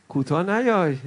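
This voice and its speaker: A man preaching an emotional religious sermon at a mourning gathering. He swings between loud, impassioned cries and soft, intimate words to the crowd, and calls his listeners friends. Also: high voice, background noise.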